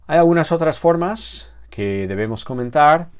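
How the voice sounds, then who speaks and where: A man teaching a grammar lecture, slow and halting, with many self-corrections and filler sounds, drawing out the word forms he spells. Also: a little high, animated, clear, resonant tone. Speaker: theology teacher.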